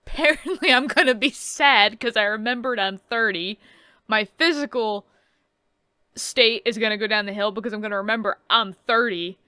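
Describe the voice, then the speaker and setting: Woman in her thirties, bright tense voice, dry close sound, reads text then jokes about it. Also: a little high, moderate pace, clear, resonant tone, no echo. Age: 30s. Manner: reads on-screen text aloud, then adds wry joking asides. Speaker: let's play host. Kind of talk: casual playthrough commentary.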